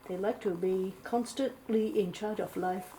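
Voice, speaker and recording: Woman playing a slow, deadpan Singaporean or Malaysian palm reader, ASMR role-play. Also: medium pitch, lightly acted, poor audio. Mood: musing, matter-of-fact. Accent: Singaporean or Malaysian English. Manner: clipped grammar, musing hums, deadpan teasing. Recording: clear steady background noise.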